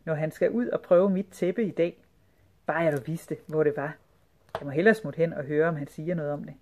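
A woman voicing a sneaky little boy who mutters his thoughts quietly. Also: deep voice, steady tone, slight background noise, natural voice. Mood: scheming. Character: small sneaky curious boy.

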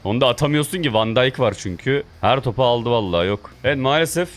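An excitable young man calls his own football video game match from his desk mic, fretting and then yelling at his players. His voice sits at an ordinary pitch, with faint music running underneath. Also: fast talker. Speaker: gaming video host. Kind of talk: live gameplay commentary.

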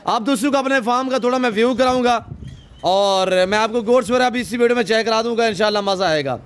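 A man's voice: very high voice, fast talker. A man running a farm vlog outdoors, speaking effusively and packing his talk with blessings while he interviews buyers and shows off his animals. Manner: effusive, many religious blessings. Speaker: goat farm owner and vlogger. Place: outdoor goat farm pens.

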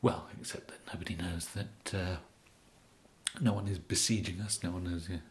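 A young Englishman whispers low and breathy into a close mic, playing a bumbling, awkwardly polite kidnapper in an ASMR roleplay. His tone stays steady and lightly acted, apologetic and musing, as he rambles in hesitant, halting bursts.

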